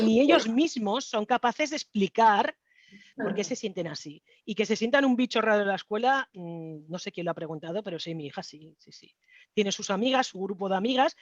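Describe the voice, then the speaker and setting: A woman's voice: mid-range voice, no room sound, dull audio. A woman speaking as a mother at a round-table discussion, earnest and conversational with many fillers. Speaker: mother of a child with a rheumatic disease.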